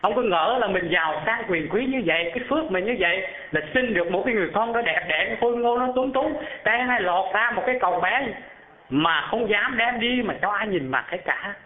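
A man delivers a storytelling sermon in a slightly high voice, quizzing his listeners as he goes and climbing sharply in pitch for emphasis. The recording sounds thin and phone-like. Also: brisk. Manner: animated, asks the audience questions, rises high when describing. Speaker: Buddhist preacher telling a story. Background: live audience.

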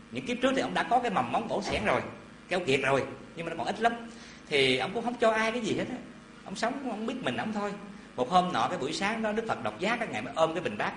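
Guy preaching dharma talk, fairly high voice, roomy echo. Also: slight background noise. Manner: animated folksy storytelling with asides to listeners. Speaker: Buddhist preacher. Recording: echoey hall with faint ambience.

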